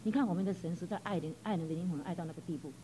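A woman's voice: on the low side, rapid-fire, warm tone, slight background noise, rough recording. A woman giving a fervent personal testimony, telling her story with frequent exclamations.

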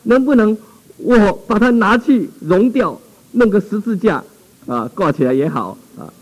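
A worried wife pleading with a pastor, as a male preacher puts her on. The voice is pitched high and sounds husky. She presses her request anxiously. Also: lively intonation, unhurried, poor audio.

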